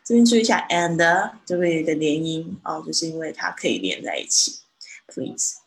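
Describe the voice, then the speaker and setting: A woman teaching English in a live online lesson, patiently explaining phrases and saying them slowly. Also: low-pitched, animated, gravelly. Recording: roomy sound with faint noise.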